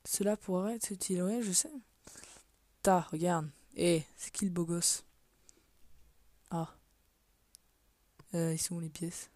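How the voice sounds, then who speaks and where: A woman's voice: lowish voice, slow pace, long pauses, dark tone, no room sound. A woman giving casual let's play commentary on a puzzle game, muttering to herself, swearing casually and often dropping to a half-whisper. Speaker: gaming video creator.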